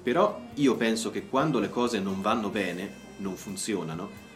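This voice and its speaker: A man's voice: lowish voice, expressive, measured pace, soft background music. A man speaking in a scripted dialogue for language learners, often asking questions. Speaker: dialogue partner in a language lesson.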